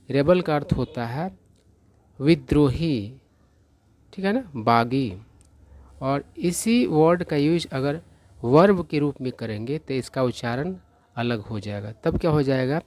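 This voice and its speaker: A man's voice: mid-range voice, a little mellow. A man teaching English vocabulary in Hindi, explaining each word patiently and checking understanding often. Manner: slow, patient explaining, repeats "ठीक है" checks; carefully spells out pronunciation.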